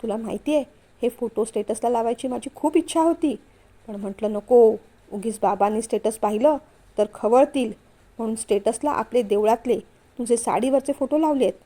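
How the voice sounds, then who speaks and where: A man's voice: extremely high pitch, moderate pace, warm tone. A woman voicing a teasing young husband. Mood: coaxing. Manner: teasing, coaxing. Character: affectionate playful young husband. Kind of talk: storytelling read-aloud.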